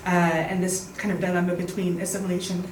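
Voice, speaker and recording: A woman's voice: on the low side, level tone. Audience questioner, woman, earnest, noisy roomy recording. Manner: earnest, hesitant with "uh" pauses. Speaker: audience member asking a question. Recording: echoey hall, distant mic, clear background noise.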